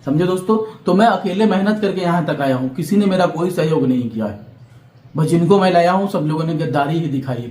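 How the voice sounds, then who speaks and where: A man's voice: a little high, a little mellow, reverberant. A young man from Bihar, vlogging to camera in a heated, defiant monologue that lectures and keeps checking that his listeners understand. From Bihar, India.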